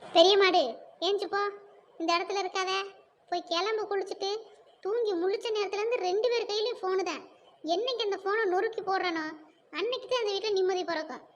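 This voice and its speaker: A woman's voice: very high voice, quick pace, lo-fi sound. A woman voicing an exasperated cartoon mother who keeps scolding her two quarrelling daughters. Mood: fed up. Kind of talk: cartoon voice acting.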